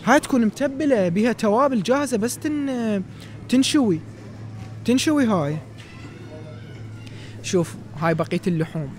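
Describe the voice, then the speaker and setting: A young man in his twenties with an Iraqi Arabic accent, giving chatty, lively tour-guide commentary as a vlogger in a large indoor supermarket, recorded on a handheld phone. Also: very high-pitched, normal speed, pauses often, slight background noise. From Iraq. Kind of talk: casual walk-through vlog.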